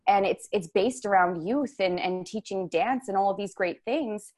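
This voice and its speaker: A young woman speaking as a podcast guest in a voice of ordinary pitch. She is earnest and candid. She searches for her words and often starts her sentences over. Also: moderate pace, darkish tone. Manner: earnest, searching speech with many restarts. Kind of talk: candid interview conversation.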